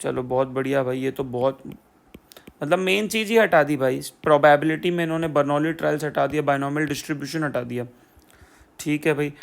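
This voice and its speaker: A young man who preps students for exams talks through syllabus changes casually and sarcastically, his voice a bit high, a bit quick, with vocal fry. He keeps circling back to the same phrases, especially "theek hai bhai" and "poora poora."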